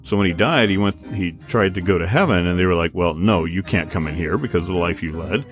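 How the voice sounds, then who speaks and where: A man's voice: fast, faint music behind. A man hosting a Halloween trivia quiz on a show, in casual banter with frequent laughter. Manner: animated, laughs often, deep voice. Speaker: quiz host.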